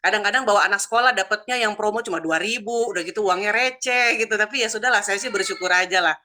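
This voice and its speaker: A woman's voice: mid-range voice, fast talker, sharp tone. A woman, chatting casually over a video call as she tells a personal testimony and acts out the dialogue in her story. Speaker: church member sharing a testimony.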